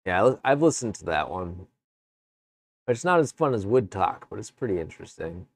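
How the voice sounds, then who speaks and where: A man streaming live from his woodworking shop, chatting casually with viewers in a relaxed, rambling way. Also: low voice, normal speed, creaky, no echo. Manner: relaxed, rambling, chats with viewers between tasks. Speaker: woodworking livestreamer. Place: home workshop.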